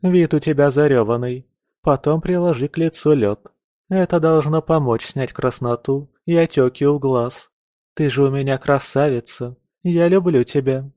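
A man's voice: mid-range voice, moderate pace, mellow, no room sound, clean studio sound, lightly acted. A man voicing a domineering, cold noble mother who scolds and commands her daughter in an audiobook. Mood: coldly sweet. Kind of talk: audiobook character voice.

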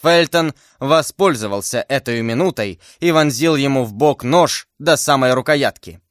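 A man narrating a classic novel as an audiobook, in a measured, even storytelling manner. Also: mid-range voice, no room sound, clean studio sound.

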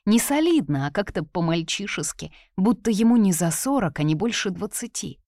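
A woman narrates a fantasy audiobook in an expressive storytelling manner, reading scripted narration at a moderate pace. Her voice is mid-range, and the recording is dry with clean studio sound.

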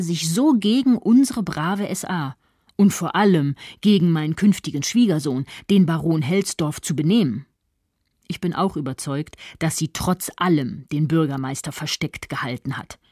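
A woman's voice: low voice, darkish tone, slightly rough, no room sound, clean studio sound. An actress playing a self-righteous middle-aged mother who narrates her story with prim indignation in a radio drama. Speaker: first-person narrator.

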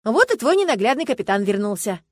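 Woman reading as a jealous snappy wife, scoffing, high and bouncy. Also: sing-song, fast talker, no echo, studio quality. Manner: snappy, scornful. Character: jealous, sharp-tongued hostess, petite wife. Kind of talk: audiobook character reading.

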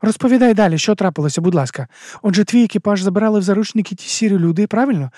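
A man's voice: sits high, racing, warm tone, no room sound, clean studio sound, pitched above the performer's own voice. A man reading an audiobook voices an irritated young woman who fires off insistent questions. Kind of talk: audiobook character voice.

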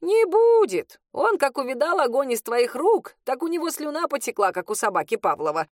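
A woman reading aloud, voicing a brash old village witch who teases, cackles and shouts. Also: sits high, very animated, moderate pace, no room sound, studio quality, pitched above the performer's own voice. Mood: boisterous teasing. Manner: boisterous, teasing, laughing.

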